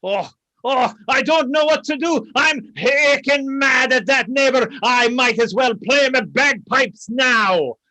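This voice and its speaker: A man's voice: extremely high pitch, slow pace, exaggerated voice, poor audio. A man playing a flustered husband with a put-on Scottish accent in an improv scene. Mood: exasperated. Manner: blustery, shouting at the neighbor. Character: flustered Scottish husband, fussing over his garden.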